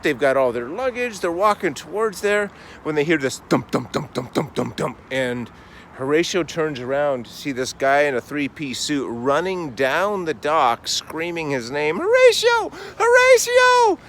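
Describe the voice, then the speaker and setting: A man telling a faith story in a casual, conversational sermon, animated and dramatic, speeding up and slowing down as he goes. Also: on the high side, slight background noise. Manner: animated, conversational, dramatic swings in pace and volume.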